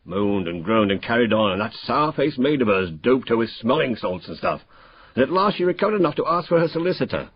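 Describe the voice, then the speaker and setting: Inspector Japp, very raspy blunt English policeman. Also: mid-range voice, very animated, dry recording. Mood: blunt, scornful. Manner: blunt, colloquial, briskly matter-of-fact. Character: blunt, cocksure English male police inspector, plain-spoken and jocular. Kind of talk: radio drama acting. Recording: muffled radio drama recording.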